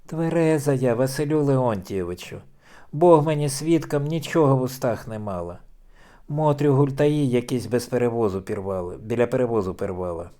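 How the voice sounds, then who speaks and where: A man's voice: medium pitch, normal speed, warm tone, natural voice. A man voicing a distressed middle-aged noblewoman, pleading and tearful, in an audiobook reading.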